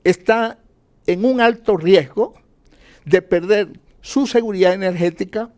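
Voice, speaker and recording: This man's voice sits high and is a little mellow, and his pace is measured. He is Colombian and speaks as an economist being interviewed, teaching through enumerated points and self-answered questions.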